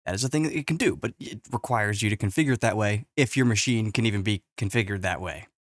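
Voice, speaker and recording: A man's voice: fairly low pitch, quick pace, no room sound, studio quality. A man casually explaining tech on a whiteboard, exasperated and profane, recorded on a webcam. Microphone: webcam with face overlay.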